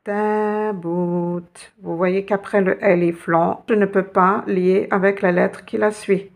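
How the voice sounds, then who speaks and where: A woman's voice: mid-range voice, little pitch movement, a little slow, gravelly. A woman teaching a lesson, patiently guiding learners step by step and spelling out letters. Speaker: Arabic teacher.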